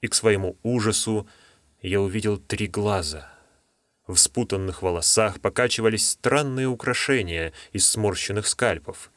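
A man reading a fantasy novel aloud as an audiobook narrator, in a measured storytelling manner. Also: fairly low pitch, fairly bright tone, no echo.

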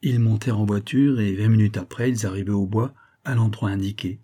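A man reading a classic novel aloud as an audiobook narrator, in a measured, even storytelling manner. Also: on the low side. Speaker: audiobook reader.

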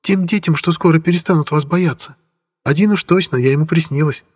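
Man voicing a sly, husky young witch. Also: fairly high pitch, brisk, darkish tone, in a large hall, pitched above the performer's own voice. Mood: gentle. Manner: teasing, mock-patient, knowing. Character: young woman witch, sly, coaxing, sharp-tongued. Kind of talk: audiobook character voice.

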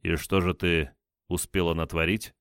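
A man's voice: sits low, level tone, moderate pace, a bit bright, clear, resonant tone, no echo, clean studio sound. A man voicing a stern male investigator who asks short, probing questions. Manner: curt, probing.

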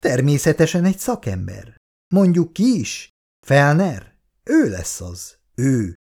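A man's voice: on the high side, wildly swooping pitch, darkish tone, voice pushed up, full character voice. A man voicing a stern older husband and father who speaks drily and commands. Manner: dry, commanding.

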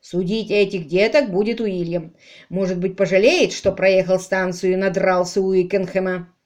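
A woman voicing a blustering older male baronet who insists loudly. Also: medium pitch, steady tone, normal speed, close to an everyday voice. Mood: insistent.

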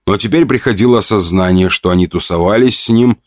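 A man reading an audiobook as narrator, in a steady, even manner. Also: fairly low pitch, fast, dry recording, muffled recording. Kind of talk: scripted narration.

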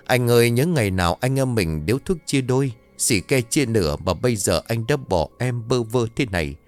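A man's voice: medium pitch, animated, fairly quick, soft background music, natural voice. A man voicing a cowardly young male street thug who sobs, pleads and slips into rhymed verse. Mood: wailing.

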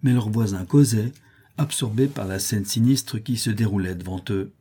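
Low husky man narrating a novel. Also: normal speed, dark tone. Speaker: audiobook narrator. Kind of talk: scripted narration of a classic novel.

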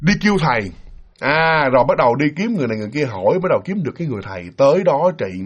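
A man telling a ghost story in casual spoken narration, animated and acting out the quoted voices. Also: mid-range voice, very fast, slightly rough. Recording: dull lo-fi recording.

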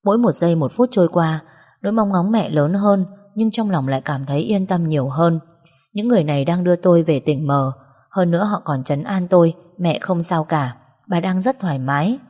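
A woman's voice: lowish voice, fairly quick, dark tone. A woman narrating a first-person story in an earnest, emotional way, with long hall reverb.

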